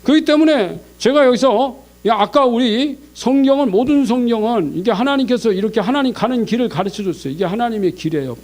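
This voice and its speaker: Animated high-voiced male pastor preaching. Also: fairly quick, hardly any pauses. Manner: animated, acts out God's scolding voice. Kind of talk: Sunday sermon. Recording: mains hum in the background.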